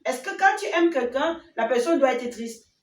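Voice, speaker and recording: A woman's voice: sits high, animated, moderate pace. A woman with a Cameroonian French accent teaching a children's Sunday school lesson, asking the children questions and acting out little scenes between a child and its mother. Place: church hall. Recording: echoey hall from far off, faint noise.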